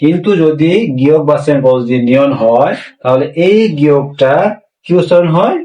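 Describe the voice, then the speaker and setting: Guy teaching a lesson, kinda high voice, asks questions n repeats stuff slow, echoey room, mic a bit far. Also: warm tone. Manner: asks rhetorical questions and repeats words slowly for learners. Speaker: Korean language teacher. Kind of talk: classroom-style language lesson.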